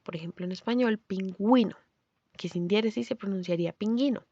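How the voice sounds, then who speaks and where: A woman giving a scripted pronunciation lesson, explaining clearly and saying example words slowly. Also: mid-range voice, mellow, no room sound, lo-fi sound. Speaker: language teacher.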